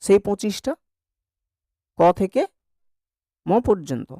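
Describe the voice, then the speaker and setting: A man's voice: sits high, sing-song, takes it slowly, dark tone, no echo, clean studio sound. A male teacher giving a classroom lesson, asking the class questions and repeating sounds over and over to drill pronunciation. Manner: asks the class checking questions. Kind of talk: classroom lesson on Bengali grammar.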